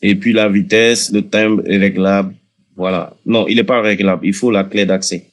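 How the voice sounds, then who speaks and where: A man with a fairly low voice hosts a casual software tutorial. He talks the viewer through each step and often hesitates and restarts mid-sentence. He sounds like he is on a desktop mic. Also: fairly even intonation, moderate pace. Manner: hesitant, many fillers and restarts, addresses viewers directly. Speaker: tutorial host. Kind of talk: casual screen-recording tutorial.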